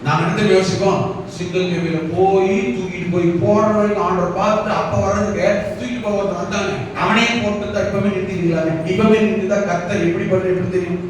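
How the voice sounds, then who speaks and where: A man's voice: high-pitched, fairly even intonation, fast talker, background noise. A male pastor preaching a sermon in a church, firing off rhetorical questions and building to emphatic calls. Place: church hall. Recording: echoey church hall, mic from far off.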